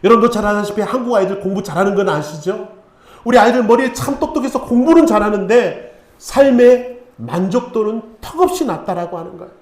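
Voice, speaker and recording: A man's voice: high-pitched, expressive, a little fast, a little mellow. A middle-aged male pastor giving a sermon, telling stories and asking rhetorical questions. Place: church sanctuary. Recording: echoey church hall.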